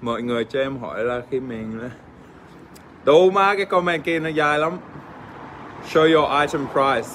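An Australian man, native English speaker, joking crudely with fans in casual livestream chat, halting with fillers and swearing playfully. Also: mid-range voice, fairly bright tone, slight background noise. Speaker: livestream host. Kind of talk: casual livestream chat reading fan comments.

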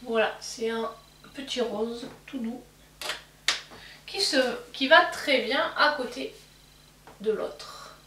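A beauty vlogger chats casually through a makeup haul, self-mocking and full of fillers. Her voice is a little high, pushed, and bright, slow with frequent pauses, and the roomy recording has her slightly away from the mic with a bit of background noise.

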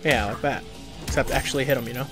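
A man's voice: mid-range voice, quick pace. A young man giving casual commentary on a fighting game as he plays it, reacting with groans and muttered remarks at every setback. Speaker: let's play gamer. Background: game music and sound effects.

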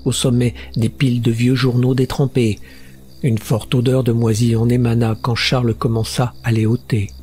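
A man narrating a horror short story in a steady, measured reading with tense build-ups. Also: medium pitch. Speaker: audiobook narrator. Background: faint music.

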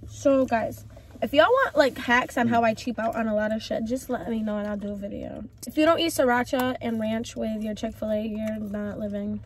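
High-voiced chatty woman vlogger. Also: normal speed. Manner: chatty, playful slang. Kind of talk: casual chat. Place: in a car.

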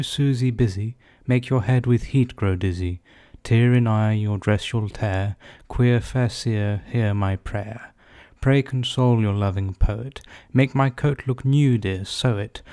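Gravelly low-voiced man reciting verse. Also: darkish tone, no echo, studio quality. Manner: measured, deliberate word-by-word reading. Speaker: poetry reader. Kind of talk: poetry recitation.

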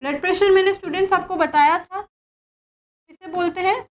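Woman teacher, high voice, revision lesson, asks students questions, repeats key words. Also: fairly even intonation, moderate pace, muffled recording. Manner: mixes Hindi and English, repeats terms, asks students questions. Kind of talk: recorded class lesson, revision.

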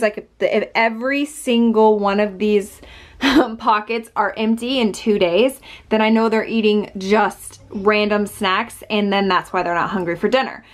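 A woman vlogger chatting casually, rambling with lots of fillers and restarts. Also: medium pitch. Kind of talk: casual chat.

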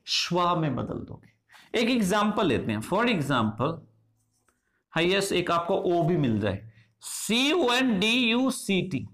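A man with an Indian accent teaching English phonetics. He goes slowly and deliberately, asking questions and answering them himself. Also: high-pitched, a bit bright. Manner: slow, deliberate, asks and answers his own questions. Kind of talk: classroom-style lesson explanation.

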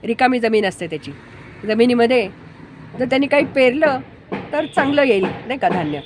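A woman voicing a calm, humble male rickshaw driver who patiently shares simple homespun wisdom. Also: very high-pitched, moderate pace, background noise. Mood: explaining calmly.

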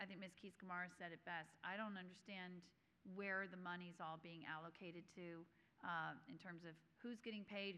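A middle-aged woman speaks at a desk microphone with a bright, crisp, smooth voice. Her remarks are earnest and steady. The large hall adds a long reverb. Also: mid-range voice. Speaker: school board member. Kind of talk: formal board meeting remarks. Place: large board meeting room. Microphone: desk gooseneck microphone.

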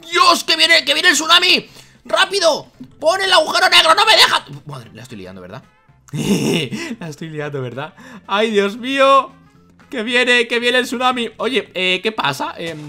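A man from Spain with a Spanish accent and a sore throat, giving excitable Minecraft let's play commentary, often exclaiming and repeating himself. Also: high voice, gravelly. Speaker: gaming youtuber.

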